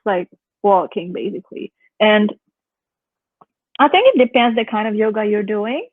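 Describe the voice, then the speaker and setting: Over phone-like call audio with no echo, a medium-pitched female voice comes through in a casual interview chat. The speaker is a young yoga instructor from Canada, appearing as a guest with a soothing voice. She laughs a lot and imitates the people she talks about.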